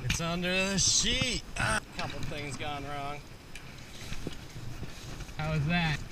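Young male vlog host, chatty and upbeat on deck, camera close, heavy wind noise. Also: on the high side. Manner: upbeat, chatty, with quick asides. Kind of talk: casual narration to camera. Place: outdoors on a small sailboat. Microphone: handheld action camera close to the face. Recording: loud wind and water noise.

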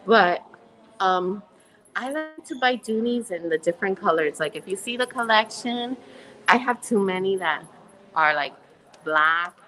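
A woman in her fifties walks through a shop while streaming live on her phone. She talks at an easy, unhurried pace, gushing over what she sees, laughing a lot and greeting viewers by name. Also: medium pitch, animated, fairly bright tone, low-quality recording. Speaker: vlogger hosting a live stream. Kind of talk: chatty live shopping stream. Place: indoor retail shop.

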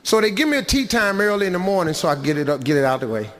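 A middle-aged man doing stand-up comedy, telling a story in an animated, loud, rambling way. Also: sits high, rapid-fire, big-room sound. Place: comedy club stage.

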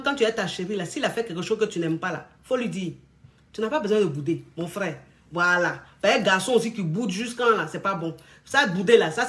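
A woman relationship coach giving blunt, scolding advice to couples in a casual, lively monologue. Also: medium pitch.

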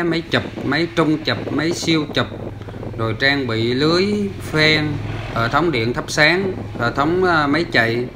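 A man hosting a fishing vlog, narrating casually from a boat in a harbor, with many fillers and restarts. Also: mid-range voice. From Vietnam. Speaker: fishing channel host. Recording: loud wind and ambient noise.

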